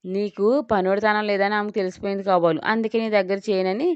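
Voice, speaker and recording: A woman's voice: medium pitch, fairly even intonation, a little fast, smooth, no room sound, natural voice. A woman reading the lines of a bossy, mocking young male office boss in an audio story. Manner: curt, mocking. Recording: dull, dry.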